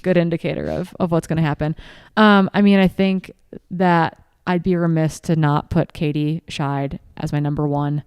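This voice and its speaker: A woman with a low, resonant voice talks through her points in a quick, eager, casual way. The sound is close and dry, with no room around it. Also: clean tone, dry recording. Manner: quick, animated and enthusiastic, piling on "like". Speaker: podcast co-host and race commentator. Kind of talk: casual chat.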